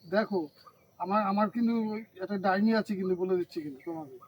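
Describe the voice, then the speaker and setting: A man's voice: high voice, steady tone, fast talker, close to an everyday voice. A man playing a sheepish young husband who pleads and keeps repeating himself, in a comedy skit. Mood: wheedling. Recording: dull lo-fi sound, faint hiss.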